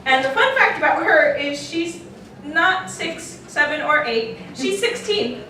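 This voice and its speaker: On a convention panel, a podcast character creator tells stories casually and emphatically in a high, expressive voice that is pushed and bright, speaking a little slowly. She's recorded from afar by a distant microphone in an echoey, noisy room.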